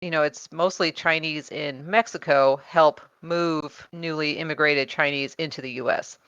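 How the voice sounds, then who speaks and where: A woman's voice: deep voice, fairly even intonation, moderate pace, fairly bright tone, clear, resonant tone, no room sound, dull audio. A woman co-hosting a podcast, explaining her research in casual chat with many fillers and frequent laughs. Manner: chatty, laughs often, many fillers and restarts.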